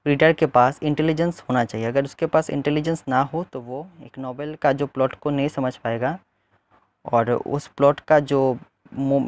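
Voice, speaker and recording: A man's voice: on the high side, darkish tone. A man teaching literature to online viewers, addressing them as friends and repeating points with hesitant fillers. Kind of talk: explaining a book to viewers.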